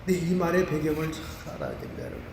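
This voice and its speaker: A Korean man, a pastor, preaching a lively sermon full of homely examples. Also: on the high side, very fast, vocal fry, slight background noise. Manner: animated preaching with vivid everyday examples. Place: church sanctuary. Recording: roomy church hall from a distance.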